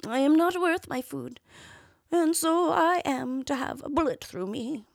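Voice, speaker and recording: A woman's voice: expressive, measured pace, creaky, dry recording, studio quality, exaggerated voice. A woman voicing a worn-out, lame old male workhorse, bitter about his fate, in a whispered storybook reading. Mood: weary. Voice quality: whispery, pitched high.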